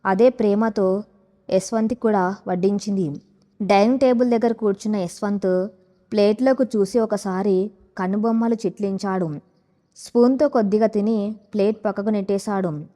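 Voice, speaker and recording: Female storyteller, steady emotive narration of a drama. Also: mid-range voice, normal speed. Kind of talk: scripted audio story narration.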